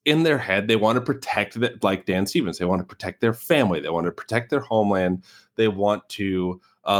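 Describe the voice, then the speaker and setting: A man with an American West Coast accent co-hosting a podcast, talking casually about a film with lots of fillers and restarts. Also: fairly low pitch. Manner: rambling, many fillers and restarts. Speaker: podcast co-host.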